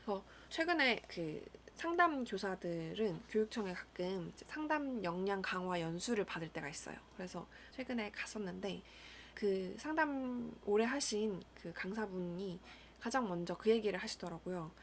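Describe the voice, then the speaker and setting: Young woman counselor, mid-pitched, musing gently aloud with a few whispered asides. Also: slight background noise. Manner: calm, thoughtful, measured, with soft whispered asides. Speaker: school counselor. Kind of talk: reflective solo monologue.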